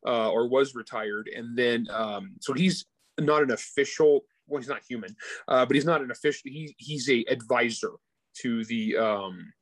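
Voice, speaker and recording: A man with a mid-range voice, talking at normal speed in a dry recording, appears as a guest author chatting about his book. The interview is casual; he's informal, slangy and keeps restarting his sentences.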